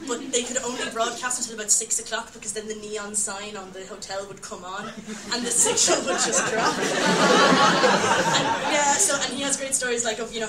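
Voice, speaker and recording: A woman's voice: mid-range voice, far from the mic. Young Irish woman, live storyteller, chatty and giggly, echoey room, off-mic, audience around. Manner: rambling, laughing, self-interrupting with "like". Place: live storytelling night venue.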